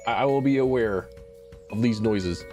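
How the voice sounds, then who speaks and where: Over faint background music, a young man streaming live talks at a moderate pace in a lowish voice. His casual chatter wanders, self-deprecating and peppered with free swearing.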